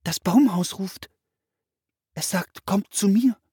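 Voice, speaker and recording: A man voicing an eager, excitable young girl in a storybook reading, high and breathless. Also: slow, slightly rough, no echo, studio quality, exaggerated voice.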